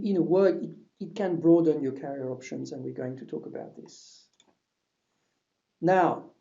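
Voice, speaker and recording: A French-accented man, a university French lecturer, gives a webinar presentation in a mellow, slightly high voice, captured on dull audio. He speaks hesitantly, with many restarts and fillers.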